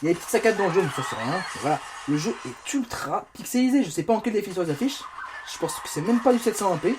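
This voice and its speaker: A man's voice: high voice, animated, racing. A man reviewing a phone, chatting casually while he plays games on it, with self-mocking asides. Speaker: tech reviewer. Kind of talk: casual game-testing commentary. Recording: faint background noise.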